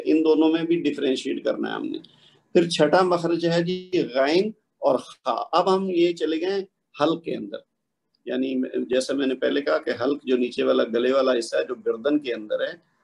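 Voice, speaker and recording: Male tajweed teacher, husky edge, patient and explanatory, demonstrates sounds slowly. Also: on the high side, a little mellow. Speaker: Quran recitation teacher. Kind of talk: spoken tajweed lesson.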